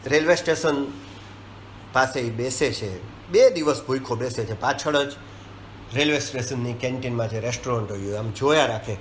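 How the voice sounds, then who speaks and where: A man's voice: mid-range voice, moderate pace. A man reviewing a film, retelling its scenes in casual talk and acting out the lines. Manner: animated storytelling, acting out dialogue lines. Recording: echoey room with faint ambient hiss.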